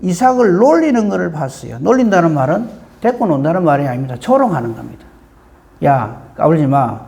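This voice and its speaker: Pastor, male; animated, folksy dawn sermon, mellow and warm tone. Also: high voice, fast, gravelly. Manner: lively, folksy preaching with rhetorical questions.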